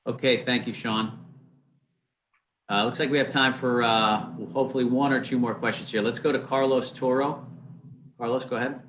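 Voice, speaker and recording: A man's voice: medium pitch, steady tone, fairly bright tone. Male moderator in an echoey room. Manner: brisk, directs who speaks next. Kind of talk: moderating a press call. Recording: roomy, echoey video-call audio.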